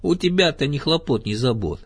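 A man's voice: fairly high pitch, expressive, a little fast, slightly rough, dry recording, voice pushed up. A man voicing a gloomy, sarcastic old donkey in a storybook reading, drawling and sour.

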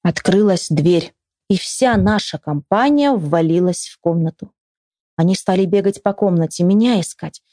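A woman reading a children's story aloud to a child with lively, expressive storytelling, then asking the child about it. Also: fairly low pitch, moderate pace. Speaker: reader and teacher.

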